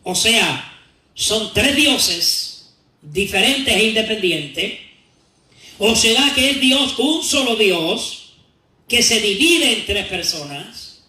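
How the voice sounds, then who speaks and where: Guy preaching slow in a church, high bright voice, kinda far from the mic, lots of echo. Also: sing-song. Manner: slow, deliberate, repeats key words for emphasis. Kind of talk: Bible teaching sermon.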